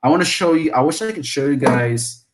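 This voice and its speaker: A man's voice: fairly high pitch, animated, fairly quick, rough recording. A young man from Bangladesh hosting a casual live stream, rambling and chatty, laughing often and restarting his sentences as he talks into a computer microphone. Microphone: computer mic, camera off.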